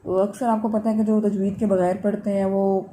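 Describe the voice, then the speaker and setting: Teaching Quran recitation online, this woman checks on her students, gently fixes their errors, and demonstrates every word with slow, stretched-out recitation. Her medium-pitched voice is level and somewhat mellow, with slight background noise.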